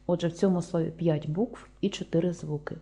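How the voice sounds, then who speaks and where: Dark, husky Ukrainian woman teaching. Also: lowish voice, steady tone. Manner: slow, deliberate, spelling out sounds one by one. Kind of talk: lesson.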